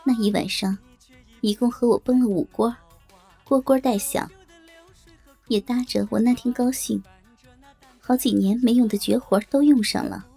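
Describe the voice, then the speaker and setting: A woman telling a story in the first person, in a colloquial, brisk storytelling manner. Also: on the high side, vocal fry, dark tone, slightly rough, faint music behind. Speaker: narrator.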